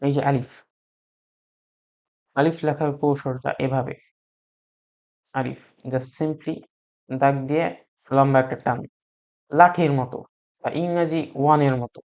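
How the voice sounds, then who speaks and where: A man teaching beginners to read Arabic letters, patient and repeating each sound slowly for learners to copy, with frequent hesitant fillers. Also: mid-range voice, fairly even intonation, a little mellow, muffled recording. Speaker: Quran reading teacher.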